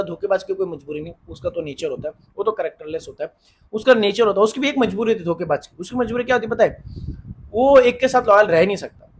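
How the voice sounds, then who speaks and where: A man talks fast and keeps going, giving relationship advice in an earnest, insistent way. He circles back over the same points again and again. His voice sits high, and there is a faint hiss of noise behind him. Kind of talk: casual advice monologue.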